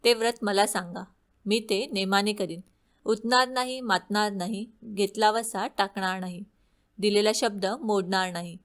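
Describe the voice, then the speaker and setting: A woman's voice: medium pitch, steady tone, a little slow, close to an everyday voice. A woman voicing a blunt, nervous palace maidservant in a devotional story, firing off questions. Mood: pleading.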